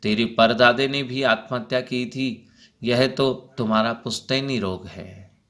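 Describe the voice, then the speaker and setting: A man voicing a cruel, mocking male villain who shouts his threats, read aloud from a school play. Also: mid-range voice, fairly even intonation, measured pace, natural voice. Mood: taunting.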